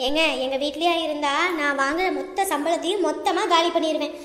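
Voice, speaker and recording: A woman's voice: high-pitched, a little fast, a bit bright, echoey room, big-room sound. A woman playing a demanding, money-minded young wife in a comic family skit, wheedling and bossy.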